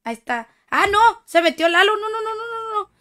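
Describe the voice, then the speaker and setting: Streaming a shooter game, a woman with a Mexican Spanish accent trades playful, teasing, boastful banter in casual chat. Her voice is extremely high and sharp, animated and fairly quick.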